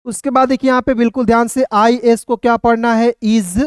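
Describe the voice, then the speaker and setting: A man teaches an online English reading class, taking each word apart letter by letter and checking in with his viewers as friends. His voice is smooth and clear. The recording is dry, with no room echo. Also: extremely high pitch, level tone, a little fast. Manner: spells words letter by letter, often calls listeners friends.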